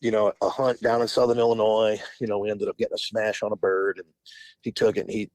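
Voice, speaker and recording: A forties-aged man talks fast in a low, darkish voice with little pitch movement and no echo. He's a podcast guest telling long, casual, rambling stories, frequently backing up to restart and laughing between phrases.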